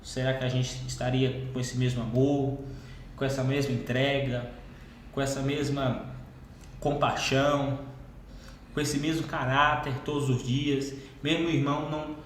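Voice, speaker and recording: A man's voice: medium pitch, level tone, measured pace. A man who exhorts a Bible study group in a repetitive, insistent way and keeps addressing them as brothers. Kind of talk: preaching-style exhortation. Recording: very echoey room, faint background hum.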